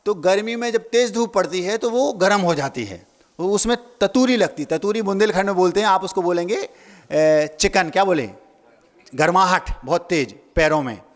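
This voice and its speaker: A man's voice: high-pitched, normal speed, big-room sound. A man, a Jain monk, giving a sermon, playing with word meanings and asking his listeners questions. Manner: playful wordplay, asks the audience questions.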